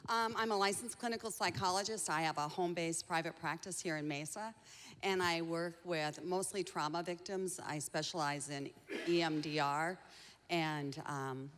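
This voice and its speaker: A woman with a slightly low voice introduces herself plainly. She speaks as an audience member called on at an event. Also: steady tone, moderate pace, a bit bright, slight background noise. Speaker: audience contestant, clinical psychologist.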